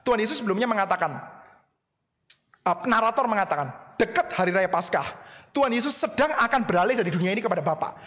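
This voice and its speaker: A man's voice: high voice, lively intonation, fast, fairly bright tone, long reverb tail. A male pastor preaching a sermon, addressing listeners directly and mixing English words into his speech.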